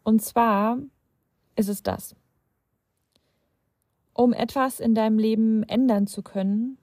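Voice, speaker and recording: A woman's voice: mid-range voice, dark tone, no room sound, studio quality. A young adult woman hosting a self-help podcast, talking straight to the listener in a reflective, conversational way with some hesitant restarts. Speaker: podcast host.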